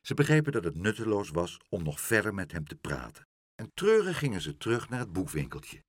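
A man narrating a children's story aloud in an expressive, animated way. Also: fairly low pitch, a little fast, slight background noise.

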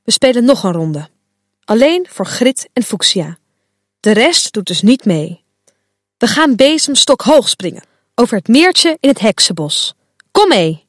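A woman voicing a bossy young witch who referees the games, speaking in a lower, firm announcing voice. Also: very animated, measured pace, no room sound, studio quality.

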